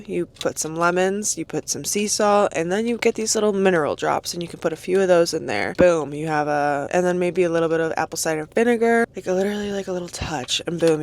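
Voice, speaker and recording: A woman's voice: lowish voice, slight background noise. A young woman in her twenties vlogging in a casual, bubbly, gushing and earnest way. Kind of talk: casual vlog chat.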